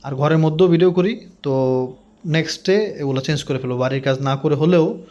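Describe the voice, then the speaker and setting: A man's voice: fairly high pitch, a little fast, darkish tone, muffled recording. A man and father chatting in a casual family vlog at home, speaking patiently into a phone held close to his mouth and explaining things at length. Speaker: vlogger and father. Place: at home indoors. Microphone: phone held in front of mouth.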